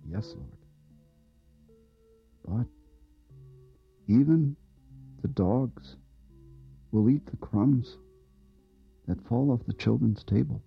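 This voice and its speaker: A man's voice: mid-range voice, expressive, very slow, creaky, long pauses, breathy edge, lo-fi sound, faint music behind, pitched below the performer's own voice, heavily acted. A man voicing a humble woman who pleads earnestly for her daughter.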